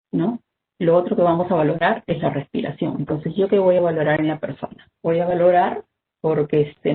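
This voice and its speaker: Health instructor, measured explanatory first-aid lesson, mid-pitched voice, thin telephone-quality sound. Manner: measured, explanatory, frequent "¿no?" tags and "este" fillers. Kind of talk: online first-aid training talk. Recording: tinny phone-like video call audio with faint noise.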